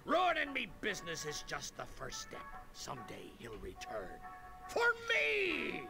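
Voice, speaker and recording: An actor voicing a jolly, melodramatic pirate captain in a cartoon adventure game, with a stage pirate accent and a gravelly, grandiose delivery. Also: male voice, fairly high pitch, wildly swooping pitch, measured pace, heavily acted. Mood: ominous, dramatic. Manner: theatrical, grandiose, swooping exclamations. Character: jolly, melodramatic old pirate captain running a chicken restaurant. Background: music.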